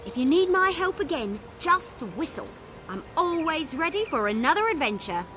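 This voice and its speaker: A woman's voice: high voice, very animated, moderate pace, a bit bright, slight background noise. An actress playing a cheerful, teasing female wood elf companion in a video game. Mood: chipper. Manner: chipper, teasing. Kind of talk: game voice acting.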